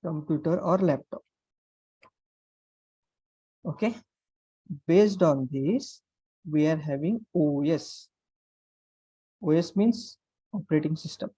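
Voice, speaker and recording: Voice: mid-range voice, slow pace, pauses often, mellow, slightly rough, no echo, rough recording. An instructor with an Indian English accent teaching an online class step by step, repeating phrases and checking understanding with questions. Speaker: programming instructor. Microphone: online class call microphone.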